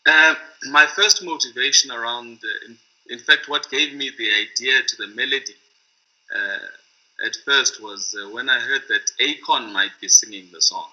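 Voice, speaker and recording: A man's voice: medium pitch, moderate pace, pushed and bright. A middle-aged man and music producer, reflecting thoughtfully and hesitantly, often searching for his words. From South Africa. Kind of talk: reflective talk to camera. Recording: dull lo-fi recording.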